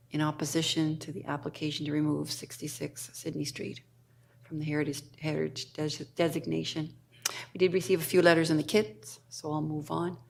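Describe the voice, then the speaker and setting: Woman, council chair, low pitch, gravelly, procedural. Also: a little mellow. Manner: procedural, plainspoken. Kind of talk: chairing a public hearing.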